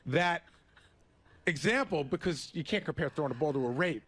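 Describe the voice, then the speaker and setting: A man's voice: fairly high pitch, expressive, moderate pace, a bit bright. A man on a radio show defending himself, stammering and restarting his sentences. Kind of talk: casual studio banter.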